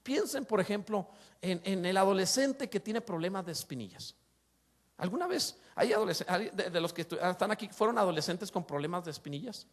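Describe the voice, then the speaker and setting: A middle-aged man preaching a sermon as pastor, lively, asking rhetorical questions and slipping in humorous asides. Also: high voice, brisk.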